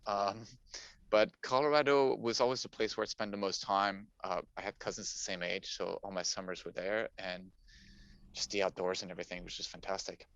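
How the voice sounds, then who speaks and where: As an interview guest on a podcast, this Parisian finance professional, middle-aged and a native French speaker, answers casually in a storytelling way. He speaks briskly in a deep, gravelly, slightly bright voice with fairly even intonation. There's no room sound, but the lo-fi audio is dull and muffled.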